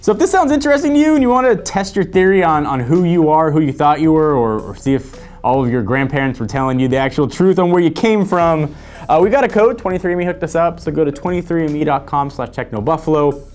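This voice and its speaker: A man's voice: fairly high pitch, expressive, quick pace, a little mellow, soft background music. A man hosting a casual tech vlog, chatting upbeat and direct to his viewers. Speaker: channel host. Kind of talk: casual vlog talk to camera.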